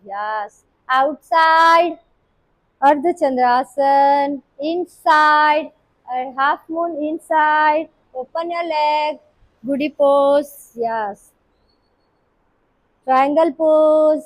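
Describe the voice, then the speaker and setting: A woman leading a live yoga class, calling out poses in short, brisk commands. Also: sits high, rough recording. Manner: brisk, commanding cues mixing Hindi and English. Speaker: yoga instructor.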